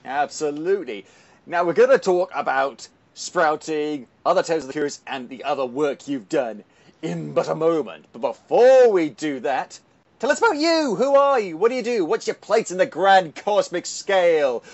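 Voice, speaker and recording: A man's voice: fairly high pitch, animated, dull audio. A man hosting a podcast, theatrical and jokey in casual chat. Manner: theatrical, rapid-fire jokey. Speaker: podcast host.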